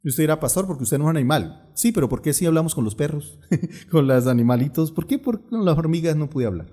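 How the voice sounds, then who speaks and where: A middle-aged male pastor, preaching a sermon in a humorous storytelling manner with lively asides. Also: fairly high pitch, fast talker.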